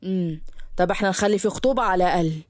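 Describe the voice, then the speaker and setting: A woman voicing a stern, teasing middle-aged widowed father in an Egyptian Arabic storybook tale, speaking in a gruff, sarcastic way. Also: on the low side, rapid-fire, a little mellow, no echo, studio quality, pitched below the performer's own voice, lightly acted. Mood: suspicious.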